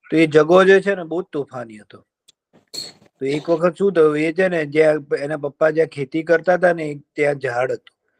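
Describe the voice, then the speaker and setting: A man tells a children's folk tale in a homely, chatty manner, over a video call. His voice sits a little high for a man and carries a gravelly edge. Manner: folksy and chatty, fillers, lively voices for characters. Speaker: children's storyteller.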